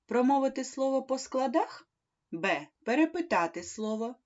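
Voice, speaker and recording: A woman reading a primary school lesson aloud, slowly and clearly, as a teacher. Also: high voice, sing-song. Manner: slow, clear instructional reading. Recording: dull lo-fi recording.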